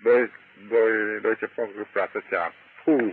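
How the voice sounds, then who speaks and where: A man preaching a Buddhist sermon, slow and deliberate, pausing often and stressing key words. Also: on the low side, steady tone, narrow, tinny audio, slight background noise. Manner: slow and deliberate, with long pauses and emphatic chanted words. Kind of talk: Dharma sermon.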